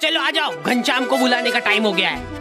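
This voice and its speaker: A man's voice: very high voice, big pitch swings, a little fast, over loud music. A man doing bragging senior Monu bhaiya. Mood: lecturing. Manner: bragging, lecturing, stingy. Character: boastful male college senior, self-styled love guru. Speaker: senior student.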